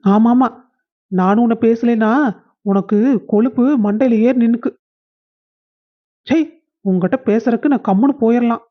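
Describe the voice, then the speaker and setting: A performer voicing a touchy husband who scolds and sulks, with a Kongu Tamil accent. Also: male voice, very high voice, steady tone, moderate pace, pauses often, lo-fi sound. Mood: scolding. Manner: scolding, sulky. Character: touchy grown husband and brother.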